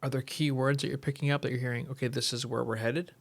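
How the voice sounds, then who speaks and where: Podcast host man, mid-pitched, reflective. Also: level tone, fast talker. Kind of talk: interview conversation.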